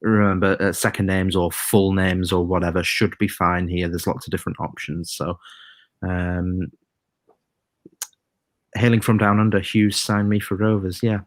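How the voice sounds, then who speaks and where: A man hosts a live quiz, his voice sitting on the lower side. He reads the rhyming clues slowly and chats easily in between. The sound is dry and close. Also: flat delivery, dry recording. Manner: reads quiz rhymes slowly, chatty asides. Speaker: quiz host. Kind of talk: live stream quiz hosting.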